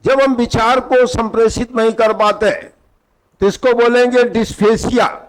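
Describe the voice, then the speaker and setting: A man's voice: very high voice, little pitch movement, measured pace, rough recording. A male teacher giving an exam-prep lecture with a Hindi accent, quizzing his students and repeating the key terms.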